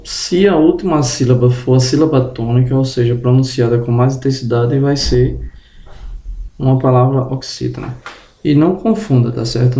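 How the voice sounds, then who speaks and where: A man giving a spoken grammar lesson, slowly drawing out example words and checking in with the viewer, slightly groggy and tripping over words. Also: medium pitch, warm tone, echoey room. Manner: tag questions to the viewer. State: just woke up, tongue tripping. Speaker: teacher.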